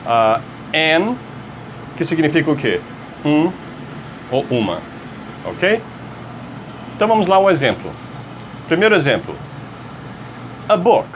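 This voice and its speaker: Brazilian man, English teacher, slow and lively pitch, faint hum behind, keeps checking in with the class. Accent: Brazilian Portuguese. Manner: patient, repeats words and checks in with "tá?" and "ok?". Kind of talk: online language lesson.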